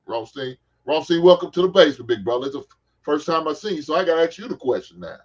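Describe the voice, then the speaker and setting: A man's voice: fairly high pitch, expressive, fast, muffled recording, crowd noise. A man in his forties from the Bay Area, hosting a casual sports chat, joking and swearing freely. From San Francisco Bay Area. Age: 40s. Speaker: podcast host.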